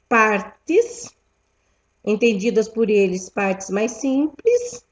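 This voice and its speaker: Slow, deliberate woman lecturing. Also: a little high, a little mellow. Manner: deliberate, poses rhetorical questions, tag "né?". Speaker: teacher educator. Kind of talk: lecture on literacy teaching. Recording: dull lo-fi recording.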